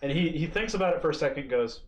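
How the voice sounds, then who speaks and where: A man's voice: fairly high pitch, expressive, quick pace, low-quality recording. Casual man narrating as game master. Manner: casual, hesitant, many fillers.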